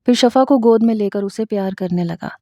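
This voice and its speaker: A woman narrating a romantic story in the first person, steady and scripted. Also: on the high side, no echo, clean studio sound.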